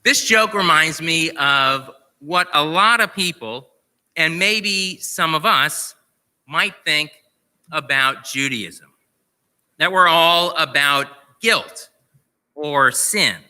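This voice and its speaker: A rabbi delivers a sermon in a slow, measured, conversational manner. His voice is bright and a little high for a man. The sound carries the long reverb of a large sanctuary. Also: smooth. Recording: reverberant sanctuary on live stream.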